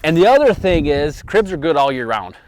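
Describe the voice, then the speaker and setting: A man hosting a fishing show, chatting casually from a boat on a lake and getting excited as fish come in. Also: on the high side, fairly quick. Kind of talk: casual on-the-water fishing commentary.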